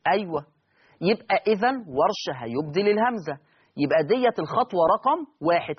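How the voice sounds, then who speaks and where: Egyptian male teacher, high voice, quizzes his class as he explains the rules, dull lo-fi recording. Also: breathy edge. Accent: Egyptian Arabic. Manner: explains step by step, asks students questions and answers them himself. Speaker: Quran recitation teacher. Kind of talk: recorded lesson.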